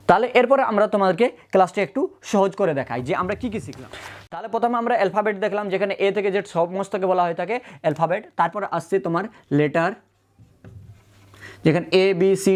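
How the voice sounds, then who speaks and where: A teacher giving an online grammar lesson, asking questions and answering them, and often checking that the class follows. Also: medium pitch. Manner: spells words out letter by letter, slowly.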